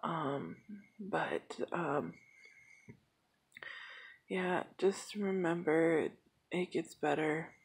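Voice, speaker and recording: A young woman in her late twenties opens up in a personal vlog update, her voice low and deeply husky. She talks slowly and haltingly, with many fillers, holding back emotion. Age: 20s. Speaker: vlogger.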